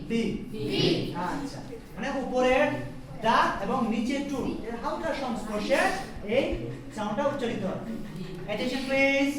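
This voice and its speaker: High-voiced woman teacher in an echoey classroom. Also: recorded from a distance. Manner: drills sounds by repetition, quizzes the class. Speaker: English pronunciation teacher. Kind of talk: classroom lesson with call-and-response drills. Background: class of students responding.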